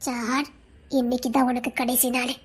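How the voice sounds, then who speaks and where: A woman's voice: fairly high pitch, level tone, normal speed, breathy edge, voice pushed down. A woman voicing a cruel demon spirit that speaks in threats. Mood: menacing.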